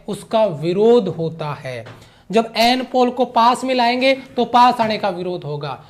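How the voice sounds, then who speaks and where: A man giving an online physics lecture who repeats key phrases, mixes English physics terms into his explanation and keeps checking that the students follow. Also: very high-pitched. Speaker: physics teacher.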